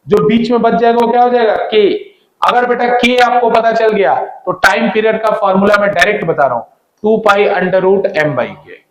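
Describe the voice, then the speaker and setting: A man teaching physics in a classroom-style lecture, repeating key points and asking students questions as he goes. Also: high-pitched. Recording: echoey room.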